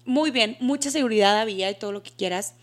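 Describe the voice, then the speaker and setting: A woman co-hosting a podcast, speaking with a Mexican accent and lots of street slang. Her voice is somewhat high, and she tells stories with a lively, candid flow. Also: fast talker. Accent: Mexican Spanish. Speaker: podcast co-host. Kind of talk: casual chat.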